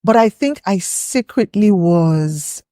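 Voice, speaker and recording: Recalling memories at an easy pace, a Nigerian woman chats casually as a podcast guest about her past, her Nigerian accent clear. Her mid-range voice is expressive, mellow and slow-moving, and the recording is dry with clean studio sound.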